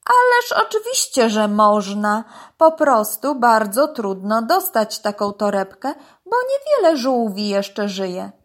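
Woman voicing a shrill hissing python swindler. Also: very animated, takes it slowly, full character voice. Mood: pushy salesman. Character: angry hissing python, male con-artist trader.

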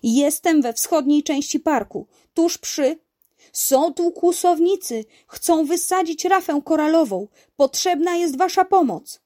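A woman voicing a brave, cheerful uncle who leads a diving crew and loudly scolds wrongdoers, in a children's story. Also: medium pitch, very animated, slow pace. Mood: indignant.

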